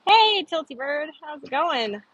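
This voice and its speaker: A woman livestreams from a phone on a gimbal, chatting casually with viewers, full of fillers and giggles, and she seems a little thirsty. Her voice is high-pitched, very animated and fairly bright, at a slightly slow pace.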